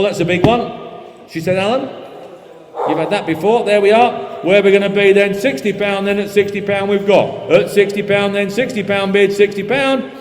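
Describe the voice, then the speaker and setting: High-pitched auctioneer man in echoey hall. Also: a little hiss or hum. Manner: rapid repetitive bid-calling patter. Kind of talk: live auction calling. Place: large reverberant auction room. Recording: echoey hall PA, music behind.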